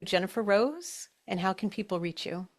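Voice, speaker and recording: A woman's voice: medium pitch, lively intonation, moderate pace. A woman hosting a podcast who listens, affirms, and shares personal stories. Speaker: podcast host. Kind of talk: casual podcast conversation.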